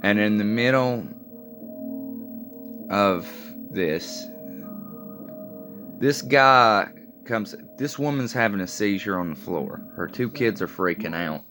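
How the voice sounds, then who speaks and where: A man in his late twenties with a low, deep voice tells a personal story in a loose, rambling vlog style. He swears freely and leans on fillers as he goes. Music plays clearly behind his voice. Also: expressive, slow pace, pauses often, a bit bright. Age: late 20s. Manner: rambling, profane, full of fillers. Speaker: vlogger telling a personal story. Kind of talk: casual spoken storytelling. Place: sitting at home with coffee and a cigarette.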